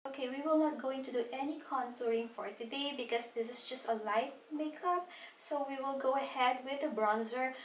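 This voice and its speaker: High-voiced woman in an echoey room. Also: moderate pace, recorded from a distance. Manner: chatty, walks through each product step by step. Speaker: beauty vlogger. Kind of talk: casual makeup tutorial. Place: small home room at a desk.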